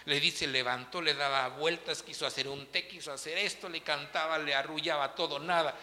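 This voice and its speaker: A man preaching a sermon as pastor, animated, swinging between loud and soft. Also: on the high side, moderate pace, big-room sound.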